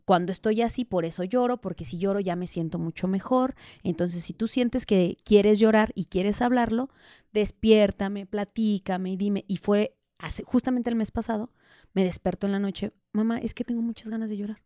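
A woman's voice: medium pitch, normal speed, mellow, dry recording, clean studio sound. A Mexican woman in her thirties co-hosting a podcast, telling personal stories candidly and acting out quoted dialogue. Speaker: podcast co-host. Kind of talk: casual podcast conversation.

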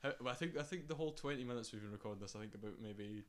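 A man's voice: medium pitch, racing. A young Scottish man chatting casually as a returning podcast co-host, with easygoing, joking banter. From Scotland.

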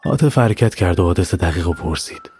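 A man narrating a scripted horror story in a steady, matter-of-fact way. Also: low-pitched, soft background music. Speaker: narrator and writer.

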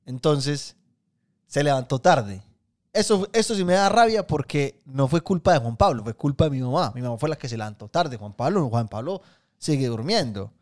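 A man with a Colombian Paisa accent co-hosts a casual podcast. He tells stories in an animated, loose way, full of street slang and easy swearing. His voice sits at an ordinary pitch for a man. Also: moderate pace. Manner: animated, slangy storyteller who swears freely. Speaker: podcast co-host. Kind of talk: casual chat.

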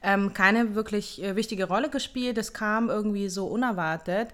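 A woman in her thirties from Ukraine, co-hosting a casual podcast chat and pausing often with fillers. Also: medium pitch. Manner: hesitant, many fillers. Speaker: podcast co-host.

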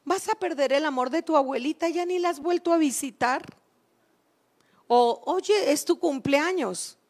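A woman's voice: sits high, normal speed. A woman preacher. She is emphatic and calls out questions to her congregation. Now and then she acts out the voices of everyday people. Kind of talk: sermon.

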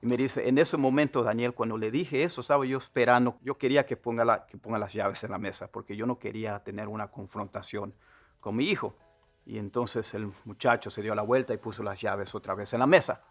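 A man, a native Spanish speaker, teaching English phrases, repeating words slowly so learners can copy them. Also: on the low side, fairly even intonation, soft background music. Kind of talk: Spanish-language English lesson.

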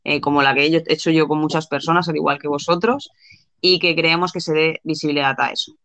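Bright hesitant woman co-host. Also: low voice, fairly even intonation, fairly quick, dry recording. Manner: hesitant, many fillers and restarts. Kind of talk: casual live podcast chat.

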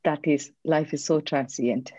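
Woman from sri lanka, very low mellow voice, soft and thoughtful, slightly muffled lo-fi sound. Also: steady tone, no room sound. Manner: soft-spoken, reflective, measured. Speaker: guest, leadership coach. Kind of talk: interview answers, personal story.

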